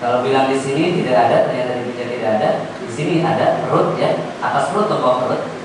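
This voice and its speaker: A man's voice: medium pitch, fast. Distant, echoing male trainer. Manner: questioning, conversational. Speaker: religious trainer. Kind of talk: training demonstration. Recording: echoey, distant, noisy hall.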